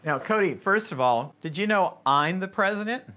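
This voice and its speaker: A man's voice: sits high, animated, moderate pace, pushed and bright, slight background noise. A man, an association president speaking conversationally. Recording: music behind the voice.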